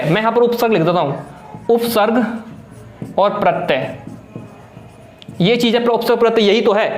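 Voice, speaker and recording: A young man with a high voice teaches Hindi grammar in an echoing room, sweating as he goes. He answers his own questions and drives his viewers on like a coach. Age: young adult. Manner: exhorting, calls viewers friends and brother, asks then answers own questions. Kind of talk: exam-prep whiteboard lesson.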